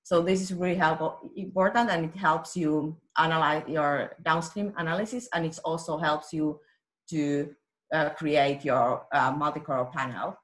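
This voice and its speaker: A technical application scientist from Finland, speaking with a Finnish accent, presents a webinar and explains things steadily, with frequent "uh"s and small self-corrections. Her voice sits low, her intonation fairly even, and her pace moderate.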